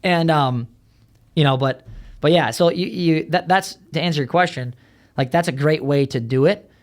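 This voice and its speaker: A man who founded an ad agency, a podcast guest telling blunt, fast stories full of "right?". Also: a little high. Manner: blunt, fast storytelling with many "right?" tags. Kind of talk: casual podcast conversation. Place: podcast studio.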